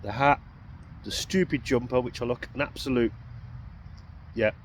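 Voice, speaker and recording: Croaky-voiced man rambling at camp. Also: mid-range voice, normal speed, slight background noise. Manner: rambling, self-mocking asides. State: croaky throat. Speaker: camping vlogger. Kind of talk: casual chat to camera. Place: outdoors at an urban roundabout camp at night.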